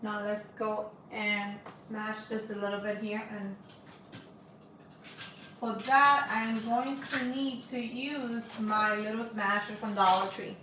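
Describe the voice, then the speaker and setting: This Dominican woman in her forties hosts a cooking channel, chatting to viewers during a casual live stream from her home kitchen. Her mid-range voice is slow, with fairly even intonation. The recording is reverberant and the background noisy.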